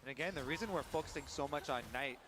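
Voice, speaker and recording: A man's voice: on the high side, fast, a bit bright. A man commentating an esports final, building hype and asking dramatic questions. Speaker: esports caster. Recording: broadcast feed with crowd noise. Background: arena crowd.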